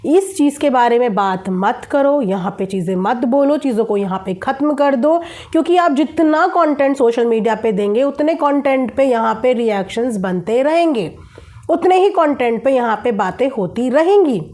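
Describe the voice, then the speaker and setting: A woman's voice: a little high, lively intonation, normal speed, mellow. A woman hosting a reaction channel, talking straight to camera in a casual, insistent way and repeating her points. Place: indoors at night.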